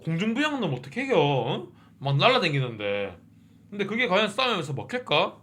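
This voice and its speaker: Excitable high-voiced man riffing on a drama. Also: fairly quick. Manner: excitable, keeps asking 응? and 어? mid-sentence. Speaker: review channel host. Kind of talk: casual commentary on a TV drama.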